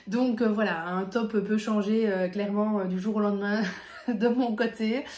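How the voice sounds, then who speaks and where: A woman's voice: mid-range voice, steady tone, normal speed, darkish tone. A woman speech therapist chatting casually about the materials she uses, with many fillers and easy laughs. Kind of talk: casual video presentation. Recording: echoey room.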